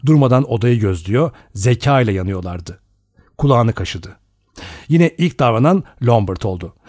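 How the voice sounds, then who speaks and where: In studio quality with no room sound, a man of medium pitch delivers scripted audiobook narration. He tells the story in a measured yet expressive way.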